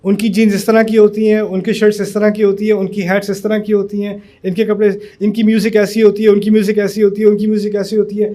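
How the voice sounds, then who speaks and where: A man's voice: high-pitched, flat delivery, few pauses, dark tone. A middle-aged man from Pakistan giving a conversational motivational talk to university students, telling stories and mixing in English words. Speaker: speaker addressing university students.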